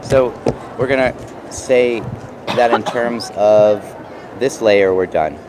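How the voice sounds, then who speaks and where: A man with a New York accent casually explaining and demonstrating craft products, pausing mid-sentence as he works. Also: lowish voice. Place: busy convention booth. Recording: noisy trade show floor background.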